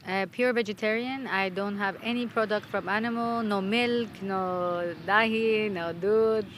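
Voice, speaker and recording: Slow, hesitant woman. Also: medium pitch, fairly even intonation, fairly bright tone, slight background noise. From Brazil. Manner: hesitant, searches for words. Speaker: shaman. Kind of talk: halting interview answers in English. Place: outdoors at a fire-ritual site.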